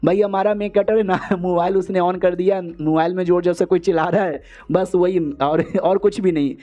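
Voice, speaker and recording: A man's voice: high voice, steady tone, normal speed, mellow, lo-fi sound. A man casually retelling a comic story in a slangy, chatty way, with lots of filler phrases. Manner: slangy, chatty, repeats filler phrases, calls listener brother. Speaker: manhwa recap narrator.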